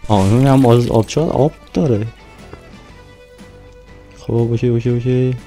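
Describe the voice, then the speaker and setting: A man's voice: mid-range voice, warm tone, rough recording. A young man giving casual, playful commentary while playing a car-washing game, talking to himself as he goes. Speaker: gaming YouTuber.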